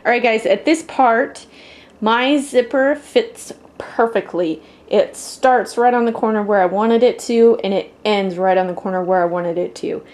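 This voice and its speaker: Unhurried and a little mellow, this fairly high-pitched woman walks viewers through a craft project step by step in an easygoing how-to style. She addresses them as "guys," and the echoey room carries faint background noise.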